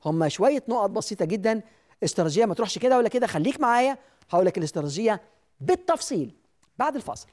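A man's voice: sits high, sing-song, very fast, a little mellow. A man with an Egyptian Arabic accent hosting a self-help TV show, giving an emphatic motivational talk straight to the viewer.

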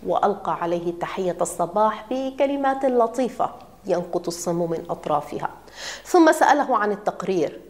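A woman reads a dramatic tale aloud in a measured, expressive way. Her voice sits at an ordinary middle pitch, and her pacing builds the suspense. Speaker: narrator. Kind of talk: scripted story narration.

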